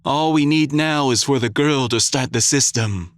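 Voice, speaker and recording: A man voicing a sly, menacing older gunslinger with a slow, measured delivery. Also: medium pitch, clear, resonant tone, dry recording, close to an everyday voice.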